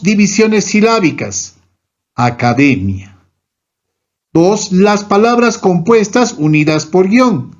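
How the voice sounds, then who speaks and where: Male narrator, high and slow, lesson-reading voice, muffled lo-fi sound. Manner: reads numbered rules and examples one by one. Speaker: teacher.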